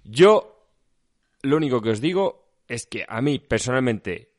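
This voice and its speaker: An Andalusian man talking games in a loose, emphatic way, the odd curse word thrown in. His voice is a middling male pitch. It sits close and dry, with almost no room sound. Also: expressive, unhurried, no room sound. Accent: Andalusian Spanish. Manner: emphatic, colloquial, swears casually. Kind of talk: casual chat about video games.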